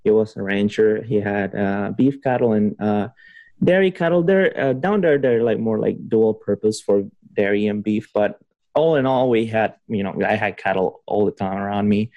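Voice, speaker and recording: Interviewed on a podcast, this young Honduran PhD student rambles casually, laughing often and full of fillers and false starts. He has a lowish voice with lively intonation and normal speed, in a lo-fi recording without echo.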